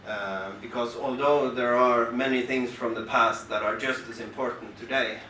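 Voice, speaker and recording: A western Norwegian man with a Norwegian accent introduces his music to a club audience, thinking aloud with many pauses and restarts. His mid-range voice has fairly even intonation and a bright, forceful tone. The stage mic, heard through the house speakers, was recorded far off in the roomy venue with a little hiss or hum.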